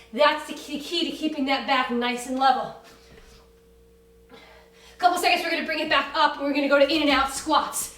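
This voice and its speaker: A woman fitness instructor leading a class with brisk, commanding, motivational cues and countdowns. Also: high-pitched, sharp tone. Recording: roomy echo, distant from the mic.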